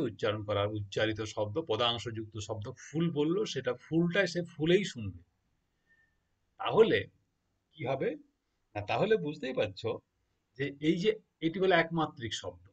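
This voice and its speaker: A man's voice: medium pitch, breathy edge. A man teaching a lesson, spelling words out letter by letter and answering his own questions. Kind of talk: explaining a lesson to students.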